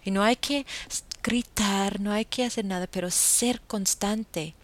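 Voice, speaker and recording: A woman talking earnestly and firmly to her listeners in a casual monologue, often restarting her sentences and dropping into soft murmured asides. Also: medium pitch, measured pace. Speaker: vegan vlogger.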